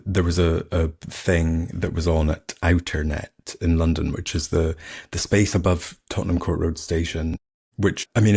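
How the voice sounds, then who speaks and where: Middle-aged male podcast host, faded Scottish accent, husky and very low, chatty and self-deprecating. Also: darkish tone. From Scotland. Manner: candid, self-mocking, chatty. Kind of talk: casual solo podcast chat.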